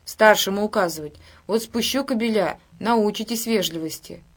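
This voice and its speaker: A woman voicing a quarrelsome man who yelps in a hoarse falsetto and scolds indignantly. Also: normal speed.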